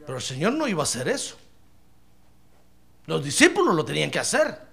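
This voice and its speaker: Lively high-voiced male preacher. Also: brisk, gravelly. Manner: animated, addresses listeners as brother; humorous, acts out Bible scenes. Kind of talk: sermon.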